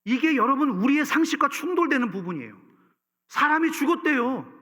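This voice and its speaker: A man's voice: very high voice, big pitch swings, brisk, pushed and bright. A man preaching a Sunday sermon as pastor, building to emphatic peaks and putting questions to the congregation. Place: church sanctuary. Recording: reverberant church sanctuary.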